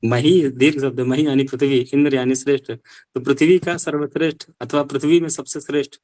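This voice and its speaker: A man's voice: mid-range voice, fairly even intonation, fairly quick, a little mellow, no room sound. A male Sanskrit teacher giving an online language class, explaining step by step and asking rhetorical questions.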